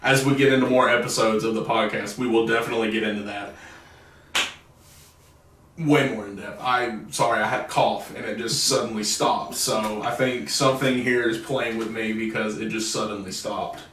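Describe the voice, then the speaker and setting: A man's voice: lowish voice, steady tone, normal speed, a bit bright, slight background noise. Rambling young man hosting, roomy echo. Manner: rambling, stumbles over words. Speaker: podcast host. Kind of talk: casual chat. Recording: roomy echo, mic at a distance.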